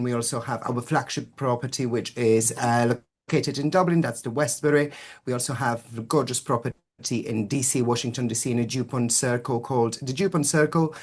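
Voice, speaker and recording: A man's voice: mid-range voice, fairly bright tone. Upbeat man on a video call. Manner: upbeat, heavy on glowing adjectives. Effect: video call audio, breaking up at times. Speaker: hotel sales presenter. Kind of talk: webinar sales presentation. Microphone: computer mic on a video call.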